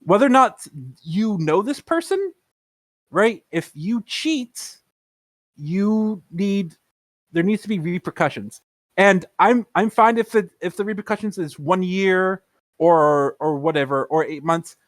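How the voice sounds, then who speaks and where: High-voiced earnest man, dry sound. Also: lively intonation, measured pace, no room sound. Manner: earnest, repeats words while building a point. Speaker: podcast co-host. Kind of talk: casual podcast discussion.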